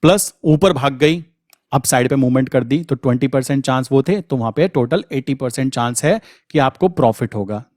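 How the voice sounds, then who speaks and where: A man walks viewers through trades in a relaxed, chatty way, calling them brother as he goes. His voice sits at an ordinary middle pitch, and the recording is close and dry with no room sound. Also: moderate pace, no room sound. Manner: conversational, addresses viewers as brother, frequent "thik". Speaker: trading educator. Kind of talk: casual screen-share trading lesson.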